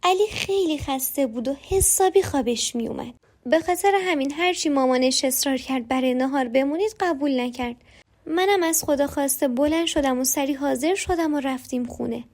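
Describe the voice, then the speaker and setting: A woman with a high, light voice tells her own story in a confiding tone. She narrates steadily and slips into the other people's lines as they come up. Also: darkish tone. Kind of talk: first-person storytelling.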